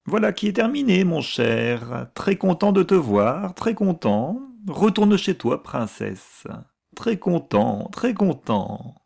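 Guy doing cranky old prince, yells up high, gravelly, bossy. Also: sing-song, takes it slowly, heavily acted. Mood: brusque. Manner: shrill, shouting outbursts. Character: irascible old male prince, domineering father. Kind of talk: audiobook character reading.

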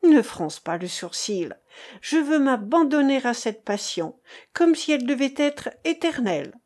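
A woman's voice: fairly high pitch, expressive, measured pace, darkish tone. Woman reading as a fiery young lover. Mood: passionate. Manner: impassioned, pleading. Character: passionate young woman in love, defiant. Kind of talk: audiobook character reading.

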